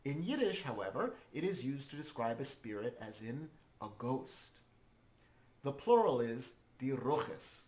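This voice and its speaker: A man leads a scripted language lesson, patiently explaining each point. He speaks slowly, and his pitch rises and falls a lot. His tone stays calm and explanatory. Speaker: language teacher.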